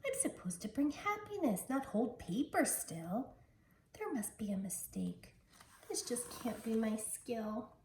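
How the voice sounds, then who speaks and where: Lady reading as a little stone from a kids book, earnest n hopeful, highish voice, echoey room. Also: very animated, measured pace, darkish tone. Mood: dejected, doubtful. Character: small earnest stone, hopeful and eager to help. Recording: distant, roomy, noisy home recording.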